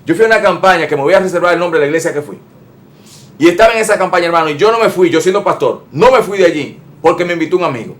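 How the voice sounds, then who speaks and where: High-voiced man preaching a sermon. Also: expressive, racing. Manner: emphatic preaching with repeated phrases; addresses listeners directly as brothers. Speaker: pastor.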